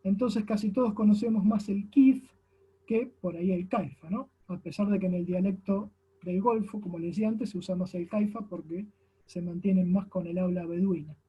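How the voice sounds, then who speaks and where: A language teacher with an Argentine Spanish accent gives a recorded class lecture, walking through things step by step and often ending sentences with a questioning "no?". His voice is mid-range and husky with a steady tone at normal speed, and the highs are cut off.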